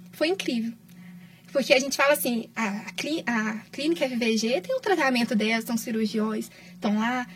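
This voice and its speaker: High-voiced Brazilian woman telling her story. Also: recorded from a distance. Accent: Brazilian Portuguese. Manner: emotional, affectionate storytelling with frequent laughs. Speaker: patient guest. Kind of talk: casual podcast chat.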